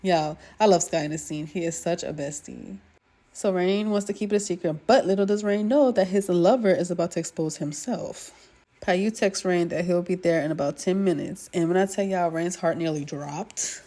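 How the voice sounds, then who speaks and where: A woman's voice: lowish voice, normal speed, warm tone. Gushing woman recapping a drama. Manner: chatty, gushing, addresses viewers as y'all. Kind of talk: casual recap commentary.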